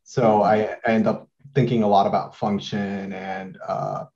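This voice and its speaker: In dull audio, a lowish voice with vocal fry belongs to a thirtysomething Mexican guest artist being interviewed by video call. He chats in a relaxed, halting way, frequently restarting and using many fillers.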